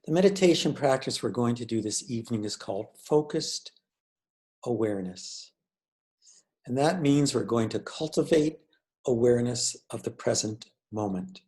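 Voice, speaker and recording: A male meditation teacher guides a session in a medium-pitched, slightly mellow, expressive voice. He speaks in a measured, deliberate way, pausing between phrases.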